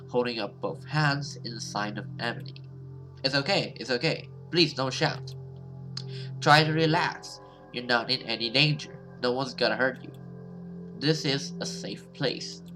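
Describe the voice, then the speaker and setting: A man with a mid-range voice, a gaming YouTuber, gives casual, hesitant let's play commentary while reading a visual novel's story aloud, swearing now and then. The recording is low quality, with game music playing behind him.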